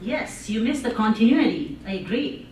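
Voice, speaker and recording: This woman, a public speaker with an Indian accent, has a fairly high, expressive, slightly mellow voice and speaks at a moderate pace. Her interactive talk in a conference room involves questioning the audience and lots of laughter. The room is echoey and noisy, her voice coming from far off.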